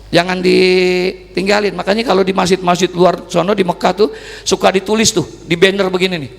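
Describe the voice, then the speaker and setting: A man preaching an Islamic sermon, telling stories in a folksy colloquial way and swinging from loud sung calls to low asides. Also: little pitch movement, brisk, gravelly. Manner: folksy Jakarta colloquial speech. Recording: reverberant hall recording.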